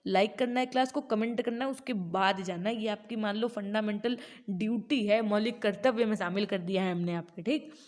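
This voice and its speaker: A woman's voice: medium pitch, fairly even intonation, brisk, darkish tone. A woman teaching an online teacher-training class, explaining step by step and often asking her students to answer.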